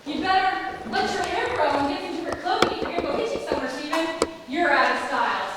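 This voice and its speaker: A persistent young waitress, played by an actress, teases and prods in a high voice. The sound comes from far off in a large echoing hall with a faint hiss. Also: female voice, animated, fast talker. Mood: teasing. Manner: needling, coaxing, dryly teasing. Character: young female night waitress, teasing and persistent. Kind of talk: stage play performance. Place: theatre stage.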